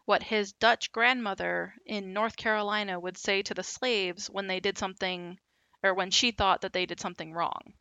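A woman hosting a podcast, telling a story in a relaxed, casual way with lots of fillers. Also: mid-range voice, moderate pace, no room sound. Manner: relaxed, with many fillers and asides.

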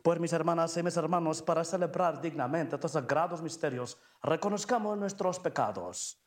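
A man's voice: on the high side, moderate pace. A man speaking as a priest, presiding over Mass with liturgical address and prayer.

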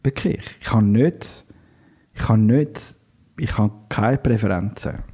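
A man's voice: lowish voice, slow pace, mellow, breathy edge. A man with a Swiss German accent co-hosting a podcast, chatting casually in a joking, playful way. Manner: joking, playful, mock-meditative. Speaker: podcast co-host. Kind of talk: casual chat.

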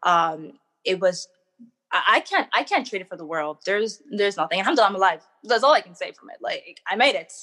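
A young woman chatting as an interview guest, telling animated stories and acting out what people said. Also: mid-range voice, brisk. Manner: animated storyteller, acts out quotes. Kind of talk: casual interview chat.

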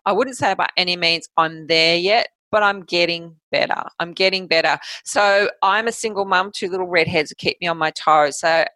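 A woman in a casual interview, talking about her coaching business in a brisk, practical way and laughing easily. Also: fairly low pitch, sharp tone, no room sound, rough recording. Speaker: guest, health coach.

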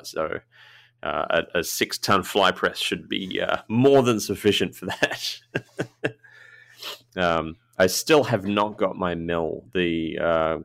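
A man's voice: sits low, creaky, fairly bright tone, no room sound, clean studio sound. A man hosting a podcast, chatting casually with frequent laughs and filler words. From Australia. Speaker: podcast host, knifemaker.

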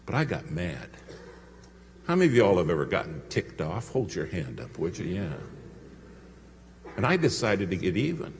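Low-voiced preacher with a drawl. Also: male voice, sing-song, moderate pace, long pauses. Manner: storytelling with congregation asides. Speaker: pastor. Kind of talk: sermon. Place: church sanctuary. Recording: long hall reverb with faint hum.

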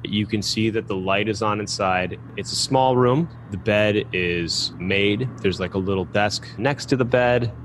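A man's voice: on the low side, unhurried, few pauses, slight background noise. A man narrating a tabletop game as game master in an easygoing, descriptive way. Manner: easygoing, descriptive, with light laughs.

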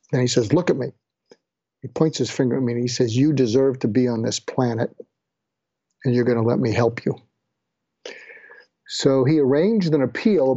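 A man's voice: mid-range voice, vocal fry, warm tone, no echo, dull audio. An older man from the area tells his own story earnestly and reflectively as an interview guest. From Boston area, USA. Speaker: guest, physician.

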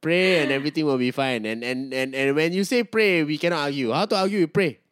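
A man's voice: on the high side, fast talker, fairly bright tone, dry recording, clean studio sound. A man with a Singaporean accent hosting a casual podcast, chatting colloquially with swearing, repeated phrases and Singlish particles. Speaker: podcast host.

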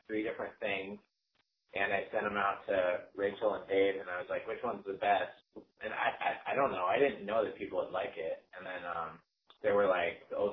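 A man heard over the phone, a band's bassist and singer, chatting casually in a rambling, hesitant way. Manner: rambling, hesitant, many fillers. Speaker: band bassist and singer, interview guest. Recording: tinny echoey phone line.

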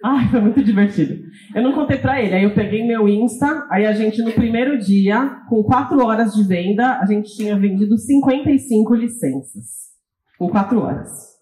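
Animated São woman, echoey room. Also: mid-range voice, moderate pace. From Brazil, São Paulo. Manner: animated, acts out her own quotes. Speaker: guest, course creator. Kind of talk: podcast interview storytelling. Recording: roomy echoey studio.

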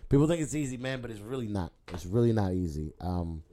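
Comedian guy rambling on his podcast, low mellow voice, swears a lot. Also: expressive, fast, slight background noise. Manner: rambling, loose, heavy filler and profanity. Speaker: stand-up comedian and podcast host. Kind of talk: casual podcast monologue.

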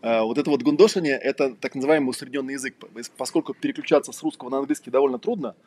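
Delivering a loose, rambling lecture full of wry anecdotes, a man whose native language is Russian works as a trainer and lecturer. His medium-pitched voice comes out rapid-fire, husky and a little mellow.

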